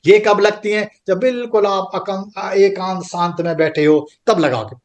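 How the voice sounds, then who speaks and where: A man's voice: high voice, measured pace. A man teaching a spiritual class online, explaining patiently and checking in with the listeners again and again. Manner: patient, repetitive explaining with frequent "theek hai". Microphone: computer microphone on an online group call.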